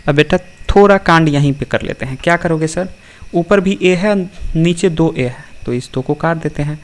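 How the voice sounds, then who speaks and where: A man's voice: fairly high pitch, rapid-fire. A man with an Indian accent and Hindi as his first language teaches like an informal tutor, addressing students familiarly and often asking questions he answers himself. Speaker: maths teacher. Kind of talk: informal exam lesson switching between two languages.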